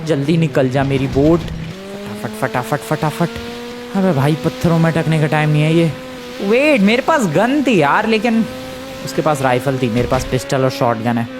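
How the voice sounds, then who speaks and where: A man giving casual game commentary, excitable and exclaiming, talking to his viewers as friends. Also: fairly high pitch, moderate pace, over music. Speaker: gameplay commentator.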